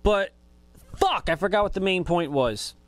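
A twenty-something man runs a podcast, his high-sitting voice expressive and his pace measured, with no echo in the recording. He rambles through a laid-back, profanity-laced solo monologue.

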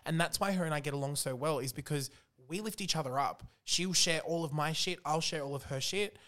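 A man's voice: fairly high pitch, brisk, bright, forceful tone. A man hosting a podcast, chatting emphatically and swearing often. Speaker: podcast host. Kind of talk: casual chat.

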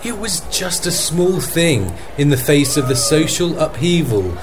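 Here the podcast host, posing as a field correspondent, delivers a scripted news report with earnest formality. His slightly high voice has a sing-song lilt at a measured pace, and music, faint noise and ambience sit in the background.

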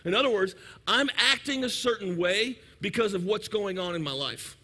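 A male pastor preaching a sermon, animated and playful, acting out little everyday scenes. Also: high-pitched, moderate pace.

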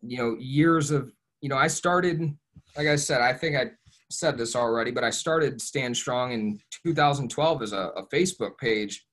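Speaking at normal speed in a mid-range, fairly bright voice, a young adult man from Ohio, USA shares his story on a casual podcast. He's earnest and reflective, with frequent restarts and plenty of "you know."

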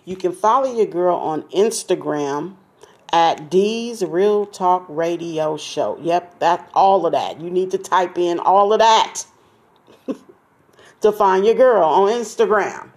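A woman's voice: lowish voice, unhurried, a little mellow. A middle-aged woman hosting her own podcast in casual, slangy chat, talking straight to listeners and smiling as she speaks. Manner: upbeat, slangy and chatty, addresses listeners directly; smiling and laughing as she talks. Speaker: podcast host.

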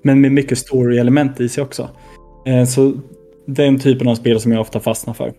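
Mellow-voiced man chatting about games. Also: mid-range voice, flat delivery, soft background music. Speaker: podcast co-host. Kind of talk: casual gaming chat.

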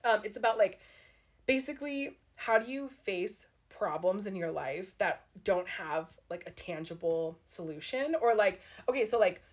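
A woman's voice: medium pitch, lively intonation, moderate pace. A young woman recorded in an attic, chatting casually and self-deprecatingly as a podcast co-host, with "like" peppered through her talk. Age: young adult. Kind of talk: casual personal chat.

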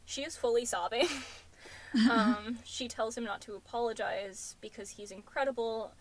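A woman's voice: on the high side, steady tone, moderate pace, poor audio. A woman co-hosting a podcast, recapping a reality dating show in casual chat full of fillers. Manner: chatty, many fillers like "um" and "like". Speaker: podcast co-host.

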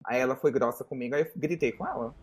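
A Brazilian man on a podcast telling a work anecdote in a relaxed, rambling way. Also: medium pitch, quick pace, husky. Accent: Brazilian Portuguese. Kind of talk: casual podcast chat.

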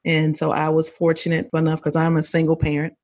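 Breathy-voiced middle-aged woman telling her story. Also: low-pitched, monotone, a little fast. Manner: warm and emotional, laughs often. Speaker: guest, former army battalion commander. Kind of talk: interview storytelling.

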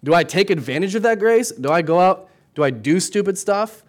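A middle-aged pastor with a high-sitting voice preaches a sermon in an animated, fairly quick, conversational way. He keeps tacking on "right?" and often restarts his words.

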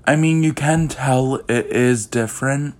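Talking a little slowly in a mid-range voice, a young male podcast host rambles through a casual chat. Fillers like "like" and "um" crop up constantly.

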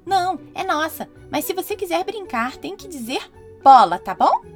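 A woman voicing a bossy, sporty little girl in a children's story, speaking with emphatic brightness. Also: very high voice, sing-song, normal speed, faint music behind, pitched above the performer's own voice.

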